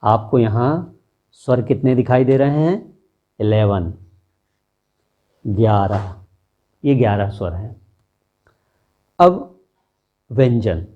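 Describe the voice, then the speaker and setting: A man's voice: mid-range voice, dull audio. A man teaching a Hindi grammar lesson, reciting letters one by one and counting them aloud. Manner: deliberate, explanatory. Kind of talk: slow classroom lesson.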